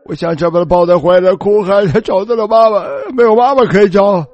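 High-pitched guy preaching his testimony, all pleading and teary. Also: quick pace, darkish tone, no echo. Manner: emotional, pleading, tearful. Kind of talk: sermon, personal testimony.

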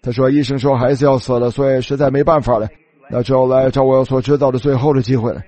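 Mellow-voiced man preaching a sermon. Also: mid-range voice, fairly even intonation, fast talker. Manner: starts many phrases with a filler "那". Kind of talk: sermon storytelling in Chinese voice-over.

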